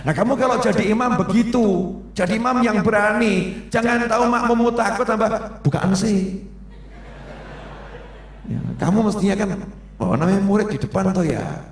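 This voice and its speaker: A man preaching to a congregation in with a tinge, telling the story vividly, acting out the quoted lines and joking with the audience. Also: sits high. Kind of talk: religious lecture storytelling. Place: large assembly hall. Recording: very echoey hall.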